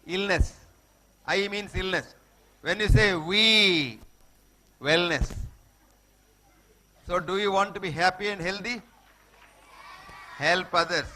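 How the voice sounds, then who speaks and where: This guest speaker has a high-pitched, sharp voice and talks slowly, leaving long pauses. With a Telugu Indian accent, he gives schoolchildren an emphatic motivational talk, repeating short maxims and confirming they are following.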